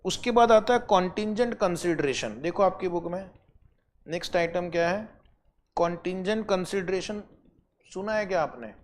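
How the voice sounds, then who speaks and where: A man from India giving an accounting exam revision lecture, explaining step by step, asking students rhetorical questions and slowing down to dictate definitions. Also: sits high, a little hiss or hum.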